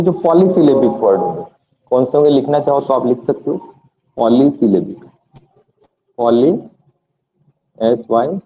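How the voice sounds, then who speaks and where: This English grammar lesson comes from a medium-pitched man addressing a class, who spells words letter by letter and answers the questions he raises. The recording sounds tinny, like a phone, with a little hiss or hum.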